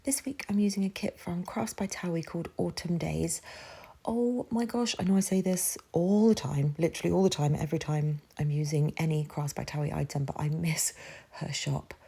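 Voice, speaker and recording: A woman with a stuffy nose from a cold narrates a casual voiceover for her planner video. Her low voice, at normal speed, is warm and slightly rough with vocal fry. She rambles chattily, pokes fun at herself, and uses lots of fillers.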